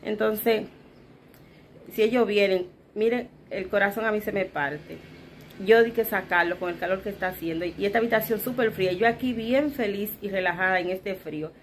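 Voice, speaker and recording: A woman's voice: mid-range voice, normal speed, a little hiss or hum. A woman with a Dominican accent chatting to her viewers from her bedroom, acting out what others told her and calling her audience "chicas". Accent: Dominican Spanish. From Dominican Republic. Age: adult with children. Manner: chatty, talks straight to her viewers as "chicas" and acts out quoted remarks. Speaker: vlogger. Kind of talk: casual chat to viewers.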